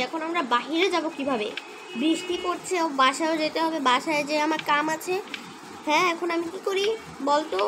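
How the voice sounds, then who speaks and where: A woman acting out a story alone, chatty and bossy with her friend. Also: high voice. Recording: noisy home recording.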